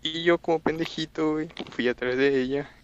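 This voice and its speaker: A man's voice: on the high side, fairly even intonation, a little fast, smooth, muffled recording. A young man with a Mexican Spanish accent, telling a story in slangy casual chat on a call and acting out his own reactions.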